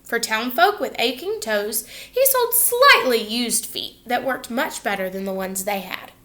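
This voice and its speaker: Her pitch fairly high, a woman teacher reads a picture book to her class with expressive, instructive delivery, stopping at points to ask the listeners questions.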